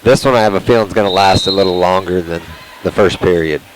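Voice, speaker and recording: Low-voiced male color commentator for wrestling, folksy and relaxed. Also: quick pace, slight background noise, poor audio. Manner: laid-back, folksy, casual grammar.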